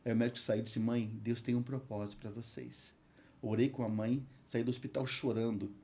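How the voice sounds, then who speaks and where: A man with a Brazilian Portuguese accent, a hospital chaplain and pastor, tells an earnest testimony in an interview and recites scripture slowly. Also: mid-range voice, fairly even intonation, dark tone. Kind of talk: emotional testimony in a podcast interview.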